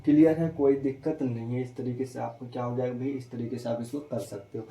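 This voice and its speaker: A man teaching a spelling lesson, repeating himself and firing quick questions at his viewers. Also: medium pitch, fairly even intonation, dark tone, slight background noise. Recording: echoey room, voice from a distance.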